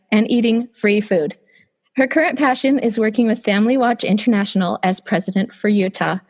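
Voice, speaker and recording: Mid-range and a little mellow, this woman's voice sounds scratchy today as she hosts her interview podcast. She eagerly reads through her scripted intro before settling into a lively chat with her guest.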